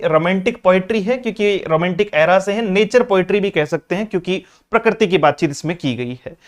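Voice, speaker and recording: A male teacher giving an exam-prep lecture, repeating key points and asking the class questions as he explains. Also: high voice. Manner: mixes English terms into his explanations.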